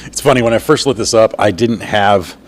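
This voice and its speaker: Laid-back man with a lowish voice. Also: fairly quick, background noise. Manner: laid-back, laughs often, teasing. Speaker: podcast co-host. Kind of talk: casual chat. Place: cigar lounge.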